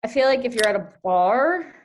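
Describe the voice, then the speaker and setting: A woman's voice: on the high side, animated, normal speed, slight background noise. A young woman who is a podcast guest, chatting casually in a teasing, matter-of-fact way. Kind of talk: casual chat.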